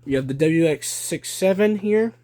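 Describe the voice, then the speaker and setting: A young man with a slightly high, warm voice acts as a casual hobbyist presenter, showing off his collection in short, deliberate phrases. He records on a handheld phone from behind the camera in a small room at home, and the noisy video has clicking and faint background noise.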